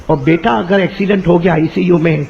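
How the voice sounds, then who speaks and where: Male preacher with a high voice, animated storyteller who draws call-and-response from the congregation. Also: gravelly, dull audio, a little hiss or hum. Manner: animated, calls out questions and responses to the audience; chants Arabic verses in a drawn-out melodic recitation. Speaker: Islamic preacher.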